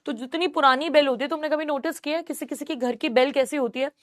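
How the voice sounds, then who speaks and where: High-voiced woman teaching English. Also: steady tone. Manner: reads English lines slowly, then explains them in Hindi, calls students "my child". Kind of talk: classroom lecture explaining a story.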